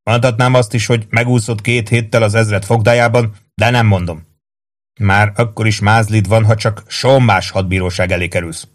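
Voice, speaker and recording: A man's voice: lowish voice, steady tone, lightly acted. A man reading the lines of a blunt, mocking male army first sergeant in a novel.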